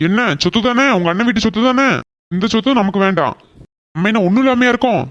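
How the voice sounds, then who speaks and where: A woman's voice: on the high side, quick pace, lightly acted. A woman voicing a fair-minded middle-aged father in a cartoon who reasons with his wife. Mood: reasoning. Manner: reasoning, gently firm.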